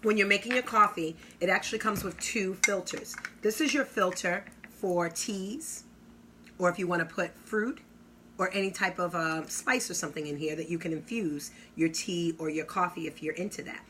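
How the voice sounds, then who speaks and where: A woman's voice: on the low side, moderate pace, bright, forceful tone, slight background noise. A woman giving an enthusiastic, salesy kitchen product demonstration, drawing out her exclamations. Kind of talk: live kitchen product demo.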